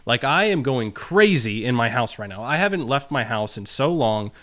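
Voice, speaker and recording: Man co-host, mid pitch, long reflective rambles, casual sports talk, call audio. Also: expressive, normal speed, fairly bright tone. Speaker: podcast co-host.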